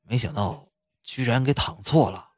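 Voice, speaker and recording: A man voicing a sheepish middle-aged ghost who explains himself in a low, embarrassed mumble. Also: normal speed, darkish tone, slightly rough, dry recording, studio quality, close to an everyday voice.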